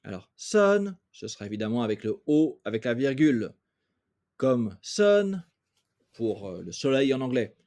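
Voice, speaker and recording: A man's voice: medium pitch, sing-song, a little slow, darkish tone. A man from France teaching a language lesson, patiently sounding out vowels and repeating each example. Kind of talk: explaining pronunciation in a lesson.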